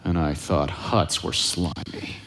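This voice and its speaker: A man's voice: rumbling low, fairly even intonation, slow pace, vocal fry, a bit bright, slight background noise, full character voice. A man playing a cocky, impatient smuggler pilot with a wry, sarcastic, offhand delivery in a live space-opera audio drama. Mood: defiant. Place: live convention stage.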